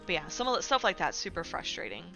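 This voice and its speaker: Over soft background music, a woman streamer talks fast to her viewers in a fairly low, sing-song voice with vocal fry and a sharp tone. Her casual commentary is chatty and filler-heavy, with frequent "right?" check-ins.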